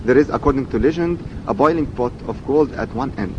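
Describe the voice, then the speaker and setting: Fairly quick in pace, a twenty-something man from Egypt with an Egyptian accent and Arabic as his first language reads a prepared passage and then speaks about himself, full of fillers and repeated words. He is a dialect archive speaker, and the audio is dull with heavy background rumble.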